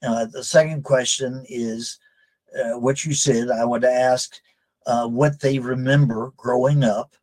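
An older man answering interview questions as a deliverance counselor, measured and hesitant with many fillers. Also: medium pitch, fairly even intonation, a little mellow, low-quality recording.

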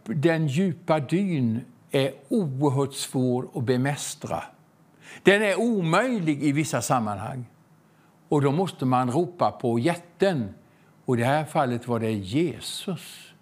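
A man preaching a sermon that tells a story, with slow, emphatic repetitions and frequent hesitant fillers. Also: medium pitch.

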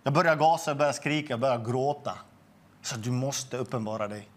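A middle-aged man telling a personal faith testimony in an earnest, emotional way, often repeating words and restarting his sentences. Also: medium pitch. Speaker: guest sharing a faith testimony.

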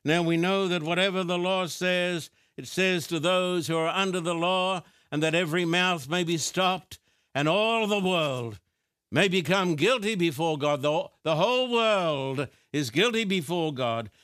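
A man preaching a sermon on television, his voice pitched a little high. He reads scripture in a slow, deliberate, emphatic way and addresses the viewers at home directly. The studio sound is dry and close. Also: fairly bright tone, smooth, no room sound.

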